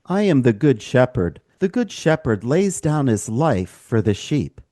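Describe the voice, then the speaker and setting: Guy reading bible verses on a podcast, warm low tone, goes up and down a lot, dry sound. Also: sing-song, unhurried, no room sound. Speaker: podcast co-host, scripture reader.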